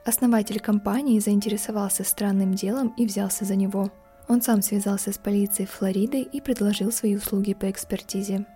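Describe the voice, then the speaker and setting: A woman narrating a scripted true-crime podcast as its host, in a measured storytelling read. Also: medium pitch, warm tone. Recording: music behind the voice. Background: background music.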